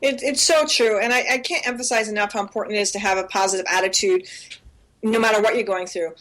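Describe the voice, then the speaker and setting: A woman's voice: mid-range voice, steady tone, fast, a bit bright. A woman in her forties co-hosting a talk show, speaking earnestly and emphatically, often repeating herself for stress. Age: 40s. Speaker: co-host. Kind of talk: casual talk show chat. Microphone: remote call.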